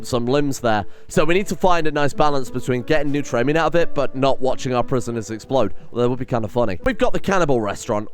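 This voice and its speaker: A man's voice: mid-range voice, clear, resonant tone. A man who is a bit under the weather, giving casual, rambling game commentary with dry, joking asides. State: slightly under the weather, voice not fully woken up. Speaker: gaming video host. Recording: light music behind the voice. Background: music.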